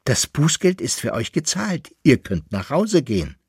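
A man reading an audiobook, voicing calm council elders who speak in a measured, reassuring way. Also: mid-range voice, slightly rough, no echo, studio quality, full character voice.

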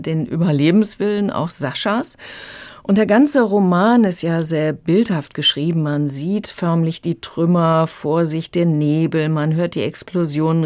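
Female book critic for radio, low voice, measured delivery, dry studio sound. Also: darkish tone, dry recording. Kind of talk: scripted radio review.

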